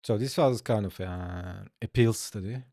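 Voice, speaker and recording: A young man streaming his drawing session, chatting casually and answering viewers in a relaxed, easygoing way. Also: on the low side, unhurried, gravelly, no echo, studio quality. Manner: laid-back, chatty, answers chat aloud. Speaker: art streamer. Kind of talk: casual livestream chat while drawing.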